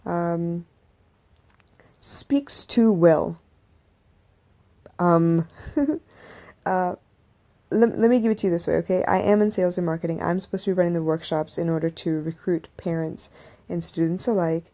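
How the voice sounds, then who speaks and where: Over a phone's live audio stream, a woman in her thirties hosts her podcast, musing conversationally to listeners with frequent restarts and side remarks. She speaks unhurriedly in a fairly low, mellow voice, leaving long pauses.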